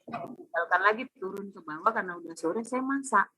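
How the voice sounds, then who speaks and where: Husky woman telling a lively family story. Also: mid-range voice, a little fast, no room sound, low-quality recording. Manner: animated, acts out family dialogue. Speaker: testimonial speaker. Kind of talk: casual storytelling testimony.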